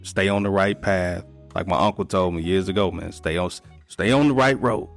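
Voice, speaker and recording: Deep and creaky, the voice belongs to a man in his thirties speaking at a moderate pace, with soft music underneath. As a podcast co-host he chats casually. He's a relaxed storyteller dishing out blunt, profane advice on life.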